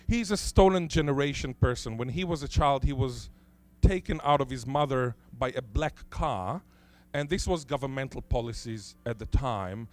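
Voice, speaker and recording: In a medium-pitched voice, a man whose first language is Hebrew delivers a conference talk in a lecture hall, asking rhetorical questions and placing deliberate stress on key words.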